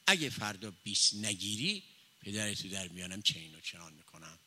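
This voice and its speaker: A man's voice: low voice, very animated, sharp tone, breathy edge, pitched below the performer's own voice, heavily acted. A man voicing a harsh, illiterate housemaid who scolds and threatens a young schoolgirl in a story he tells during a sermon. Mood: threatening. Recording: long hall reverb.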